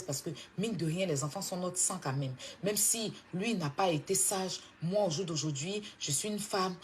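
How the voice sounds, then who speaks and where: A woman's voice: on the low side, a little mellow, a little hiss or hum. A woman from Côte d'Ivoire with an Ivorian French accent, scolding and mocking someone in a heated live-stream rant, repeating her points with insistence. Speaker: social media personality.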